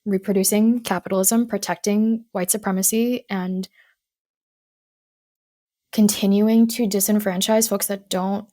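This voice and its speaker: A woman counselor guesting on a podcast, talking in a thoughtful, measured way and often stopping to qualify her points. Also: medium pitch, steady tone, dark tone, no room sound, studio quality. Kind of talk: casual podcast conversation.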